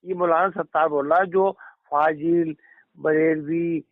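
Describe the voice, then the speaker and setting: A middle-aged man recounts a long story on a phone call, his voice sitting a little high. He rambles, restarts and circles back to details. The line is tinny and phone-like, with a dry, close sound. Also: fairly even intonation, unhurried, no echo. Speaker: caller. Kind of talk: phone conversation.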